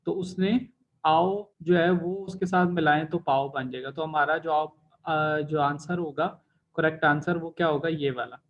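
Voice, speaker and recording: A man teaching a lesson, walking through each exercise patiently and pausing on fillers. His voice sits a little high. The recording sounds dull and lo-fi. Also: fairly even intonation. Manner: patient, stepwise explaining with many fillers. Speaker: language teacher.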